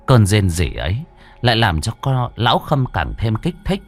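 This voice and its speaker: A man's voice: on the low side, very animated, moderate pace, soft background music. A man narrating a ghost story with a dramatic, ominous delivery.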